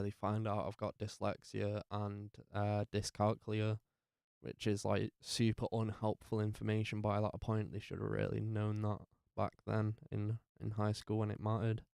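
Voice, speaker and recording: A tired young man, telling his life story to camera in a halting way, full of fillers and restarts. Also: fairly low pitch, gravelly, darkish tone, smooth, no room sound, clean studio sound. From North West England. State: tired, up very early. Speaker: vlogger.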